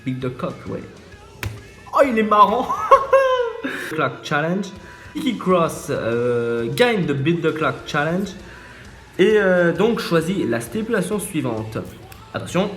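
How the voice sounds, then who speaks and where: A man's voice: on the high side, lively intonation, takes it slowly. Chatty French man on a phone. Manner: hesitant, many fillers and restarts, chuckles. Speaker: wrestling show recap vlogger. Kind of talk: casual spoken recap. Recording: echoey room, faint music.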